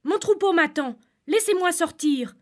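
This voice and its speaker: A woman playing a poor, frightened shepherd in a read-aloud fairy tale, his voice pitched well above her own and pushed loud. He begs and shouts, always anxious. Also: normal speed. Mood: pleading, shouting. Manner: pleading, crying out.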